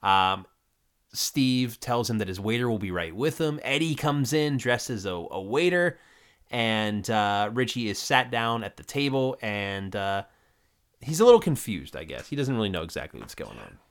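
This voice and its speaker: A podcast co-host recaps a sitcom episode, retelling scenes in a rambling, casual chat packed with fillers. His voice is on the low side and very animated, at a moderate pace.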